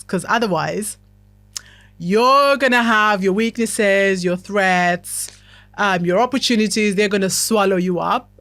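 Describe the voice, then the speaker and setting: A podcast host with a mid-range, fairly bright voice talks the listener through some motivational self-help, chatting away and checking in with them throughout. The recording is dry.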